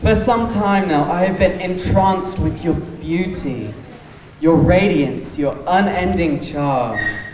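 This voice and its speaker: A man's voice: fairly high pitch, animated, slow, a little mellow. Man as pompous wealthy suitor, rehearsing a proposal, stage comedy, distant noisy recording. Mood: grandly romantic. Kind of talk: stage musical comedy acting. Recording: echoey stage from far off, noisy.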